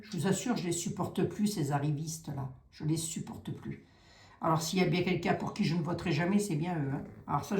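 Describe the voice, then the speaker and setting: Low-voiced lady doing a tarot reading, chatty, teasing, roomy echo. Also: darkish tone. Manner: chatty, frank, mocking asides. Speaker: tarot reader. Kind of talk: casual tarot reading monologue.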